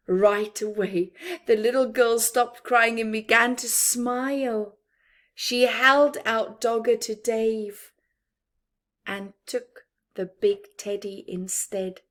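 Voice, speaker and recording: In a mid-range voice, a woman shares a picture book with small children. Each line comes slow and measured, delivered in a quiet, dramatic storytelling tone.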